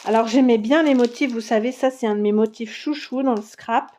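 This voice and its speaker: A woman vlogger chatting casually through a scrapbooking paper haul, with many fillers and pauses as she browses. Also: a little high, mellow. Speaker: craft vlogger showing a haul. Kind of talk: casual show-and-tell.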